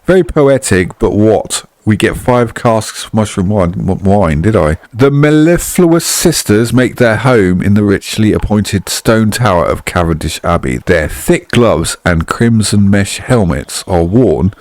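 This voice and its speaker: A man's voice: fairly low pitch, animated, a little slow, few pauses, a little mellow, no room sound. A man hosting a video game playthrough, chatty and offhanded, reading the game's narration aloud and then commenting on it.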